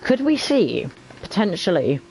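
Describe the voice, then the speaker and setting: A man giving casual lead commentary on an online racing league, sometimes halting as he thinks aloud between calls. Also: sits high, huge pitch swings, vocal fry, darkish tone, low-quality recording. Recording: faint background noise.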